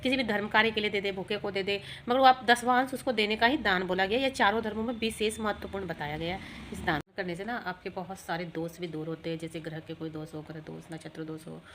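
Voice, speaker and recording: A woman's voice: medium pitch, fairly even intonation, fast, hardly any pauses, fairly bright tone, a little hiss or hum. A woman giving a spiritual talk, explaining earnestly and rambling into a story. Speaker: spiritual speaker.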